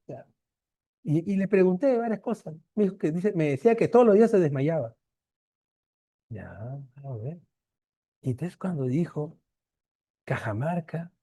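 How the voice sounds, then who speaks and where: A Peruvian man in his fifties, a doctor lecturing, telling a case story and acting out the dialogue with lively voices. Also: medium pitch, dry recording. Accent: Peruvian Spanish. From Peru. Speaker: medical lecturer. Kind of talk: anecdote in an online lecture.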